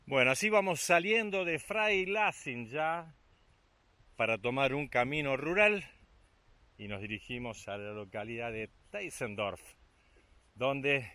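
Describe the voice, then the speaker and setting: On a rural walking trail, an Argentine man speaking Argentine Spanish vlogs his family's outing in a chatty, cheerful way, encouraging his little son along. He has a medium-pitched, bright voice with a forceful tone.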